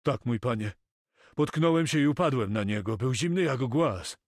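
A man's voice: medium pitch, steady tone, normal speed, husky, no echo, clean studio sound, close to an everyday voice. A man voicing a frightened, loyal male servant who reports urgently.

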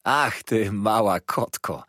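A kindly old fisherman speaks in a deep, unhurried, affectionate murmur. A man puts him on in an audiobook. The voice is husky and the recording dry and close. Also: huge pitch swings, dry recording, exaggerated voice. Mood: fond. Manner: warm, slow, low murmur.

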